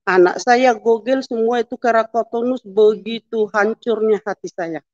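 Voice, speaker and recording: A woman's voice: fairly high pitch, moderate pace, darkish tone, no echo. A middle-aged woman giving a personal testimony, telling her story and acting out the dialogue. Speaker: testimony speaker. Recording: dull lo-fi sound.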